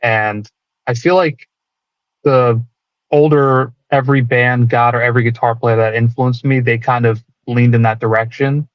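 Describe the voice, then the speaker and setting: A man's voice: medium pitch, fairly even intonation, moderate pace, no echo, lo-fi sound. A man who plays guitar in a band, talking casually and reflectively about music in a rambling way. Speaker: band guitarist being interviewed.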